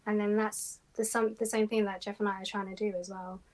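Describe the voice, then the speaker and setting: A young woman guest in a casual interview, explaining her views in a calm, measured way. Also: mid-range voice, low-quality recording.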